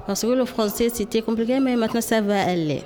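A woman from Sudan, answering interview questions in halting learner French, often pausing to search for words. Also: fairly high pitch, mellow. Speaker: interviewee, exhibition participant.

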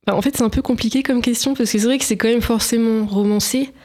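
A woman's voice: a little high, steady tone, quick pace, a little mellow. A young woman author answering interview questions, hesitant with many fillers and restarts.

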